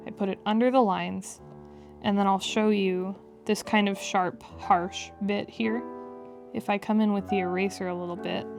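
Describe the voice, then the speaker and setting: A woman talks through a drawing tutorial in a casual, rambling way with wry asides. Her voice is fairly low for a woman and full of creaky vocal fry. Piano music plays clearly behind her. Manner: chatty, wry asides with frequent "like". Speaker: digital artist narrating a drawing tutorial.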